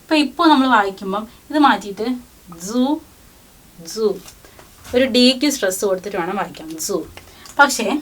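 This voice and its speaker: Woman w teaching a lesson, patient, says each syllable slow and repeats it. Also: medium pitch, fairly bright tone, slight background noise. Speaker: Japanese language teacher. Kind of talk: step-by-step lesson talk, reading out syllables.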